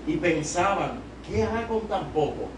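In a sing-song, high voice and at a slightly slow pace, a young Puerto Rican evangelist preaches to a youth service. He holds a handheld mic at the pulpit of a small sanctuary, his Puerto Rican Spanish accent audible as his exhorting builds to loud, emphatic peaks. Recorded from a far camera, the room echoes and is noisy.

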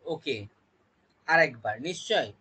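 A man teaching an online Bengali grammar class, explaining slowly and repeating words syllable by syllable. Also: fairly high pitch, expressive, sharp tone, slightly rough.

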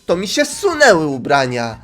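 A man doing a shrill flustered woman. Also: wildly swooping pitch, moderate pace, a bit bright, soft background music. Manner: high shrill pleading voice. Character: flustered adult woman, babbling excuses.

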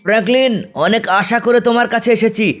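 A stern police chief from a game video scolds his men and gives urgent orders in a high voice. A man voices him. Faint music plays behind. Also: steady tone, fast, fairly bright tone.

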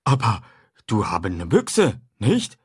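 A man's voice: lowish voice, huge pitch swings, slow pace, husky, exaggerated voice. A man voicing a frightened, hungry grown man who talks in broken, ungrammatical speech, in an audiobook. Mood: eager plain. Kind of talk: audiobook character voice.

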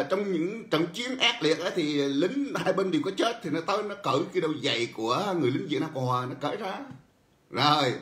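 Male host, animated storyteller, slightly high voice, roomy echo. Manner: animated storytelling, chuckles often. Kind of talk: political commentary monologue.

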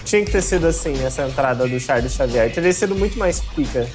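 Lively young Brazilian woman reacting casually. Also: rumbling low, quick pace, over music. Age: young adult. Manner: slangy. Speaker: reaction show panelist. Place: indoor studio.

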